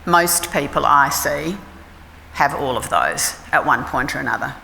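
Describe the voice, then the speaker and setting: Her voice is very deep, creaky and sharp, very animated but a little slow. She's a middle-aged Australian clinical psychologist giving a frank, conversational, self-deprecating informal talk in a forum hall, recorded with reverb, faint ambience and slight background noise.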